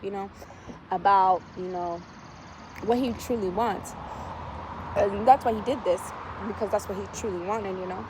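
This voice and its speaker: A woman retelling a book's plot in a casual, animated and profane way, full of slang. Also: medium pitch, noisy background. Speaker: vlogger retelling a book. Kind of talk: casual storytelling.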